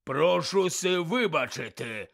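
A man voicing a huge, rough groundskeeper who speaks loudly in a rustic way. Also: sits high, wildly swooping pitch, a little slow, pitched above the performer's own voice, full character voice. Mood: agitated. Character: huge rough male groundskeeper, loud and simple.

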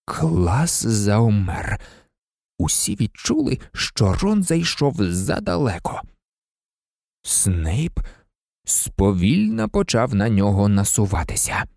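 An audiobook narrator reading a story in a lively, expressive way. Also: medium pitch, slow pace, gravelly, no echo, studio quality.

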